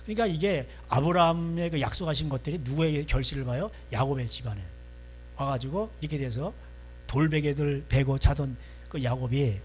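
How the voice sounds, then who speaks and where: A male pastor preaching a sermon in a church, folksy and animated, constantly prompting the congregation. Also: on the high side, a little fast, a little hiss or hum.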